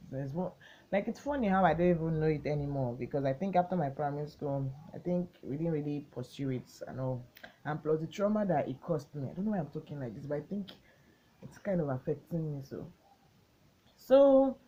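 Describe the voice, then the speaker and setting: A woman's voice: sits low, dull audio. A woman, chatting casually to her channel in a rambling storytime vlog. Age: 20s. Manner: chatty, rambling, gets excited recounting the story. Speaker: vlogger.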